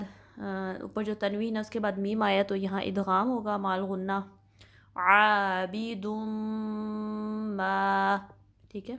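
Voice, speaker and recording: A woman's voice: medium pitch, creaky, a bit bright. A woman teaching a tajweed class, explaining pronunciation patiently and methodically and checking in often with her students. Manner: patient, methodical explaining with slow drawn-out demonstrations; frequent reassuring check-ins. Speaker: Quran recitation teacher. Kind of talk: tajweed lesson.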